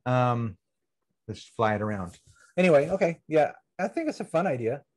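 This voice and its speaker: A man hosting a podcast in casual conversation, playful and quick to laugh, wandering off on tangents. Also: medium pitch, very animated, darkish tone. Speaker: podcast host.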